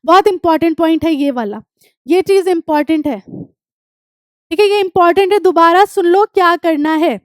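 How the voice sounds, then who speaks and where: A young woman teaching a lesson, explaining in Hindi and reading lines out slowly while checking in often with her students. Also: extremely high pitch, no echo, studio quality. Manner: frequent check-ins with students. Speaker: English teacher. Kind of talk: classroom lecture.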